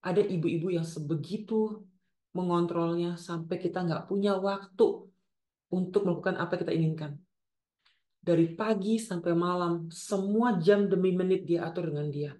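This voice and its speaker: A woman's voice: on the low side, normal speed, dark tone, roomy sound. A woman teaching at a women's ministry gathering, earnest and repeating key phrases for emphasis. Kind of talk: teaching talk at a church event.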